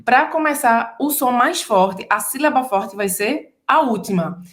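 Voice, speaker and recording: A woman's voice: a little high, lively intonation, measured pace. A Brazilian woman with a Brazilian Portuguese accent, co-teaching a casual French lesson and explaining pronunciation step by step. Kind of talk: casual bilingual language lesson.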